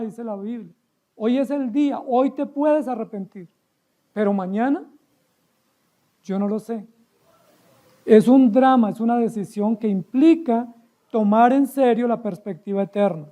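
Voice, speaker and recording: A pastor with a Colombian accent preaches an expository sermon in a very high-pitched, mellow male voice. He is emphatic and fills the message with rhetorical questions for his listeners.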